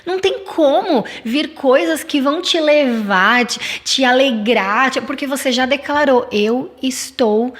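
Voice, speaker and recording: A woman's voice: high-pitched, unhurried, few pauses, a bit bright. A woman podcast guest telling a personal story in casual chat and making earnest, faith-filled declarations.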